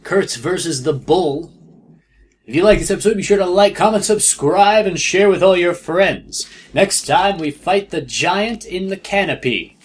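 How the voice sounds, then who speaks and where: A man's voice: high-pitched, a little slow, husky. A man hosting a video game playthrough, chatting casually and joking with his co-hosts. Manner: joking, relaxed banter. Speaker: host. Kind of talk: casual gameplay commentary.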